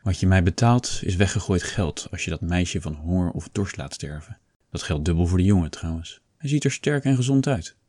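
A man's voice: low-pitched, expressive, normal speed, a little mellow, dry recording. A man voicing a blunt, practical blacksmith giving matter-of-fact advice. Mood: advising.

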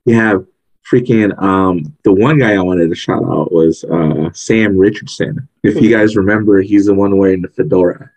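A man co-hosting a podcast, chatting casually about a movie and retelling scenes in an animated, excitable way. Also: low voice, normal speed, rough recording. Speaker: podcast co-host. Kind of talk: casual movie review chat.

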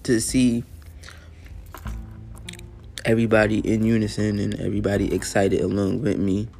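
A man hosting his own show, telling a personal story in an earnest, casual way, often clearing his throat and using fillers, sounding a little tired. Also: on the low side, level tone, moderate pace, darkish tone, faint music behind. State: tired, yawning. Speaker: podcast host.

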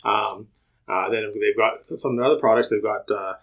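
A man's voice: lowish voice, moderate pace, gravelly, a bit bright. A man co-hosting a podcast, joking and laughing his way through a sponsor read. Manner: jokey, laughs during sponsor reads. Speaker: podcast co-host. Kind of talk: casual podcast chat.

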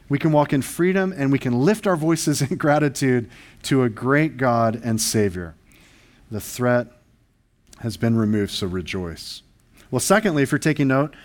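A male pastor preaching a sermon, earnest and emphatic, asking the congregation rhetorical questions. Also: on the high side.

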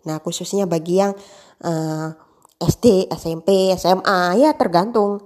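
Mellow-voiced young woman rambling casually. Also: fairly low pitch, measured pace. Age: young adult. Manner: rambling with many fillers, practicing emcee phrasing. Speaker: aspiring host. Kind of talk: casual monologue.

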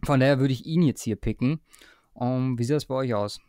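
A man's voice: mid-range voice, a little fast, mellow, dry recording, clean studio sound. A man hosting a casual sports podcast, talking with many hesitations and fillers as he leads the conversation. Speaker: podcast host.

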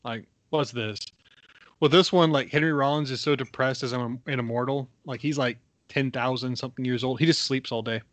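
Casual male podcast co-host, mid-pitched, rambling and chatty, close dry mic. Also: steady tone, brisk, fairly bright tone, no room sound. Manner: chatty, rambling with fillers and restarts. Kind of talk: casual chat.

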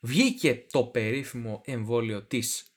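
A young man co-hosting a podcast in casual chat, joking and teasing his partner. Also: mid-range voice. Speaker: podcast co-host.

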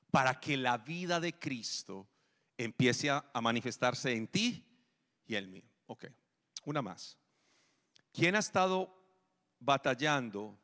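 A pastor preaching a sermon, whose delivery swings between emphatic raised calls and quiet, hushed stretches. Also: male voice, medium pitch, in a large hall. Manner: preaching with rising emphatic calls and soft drops.

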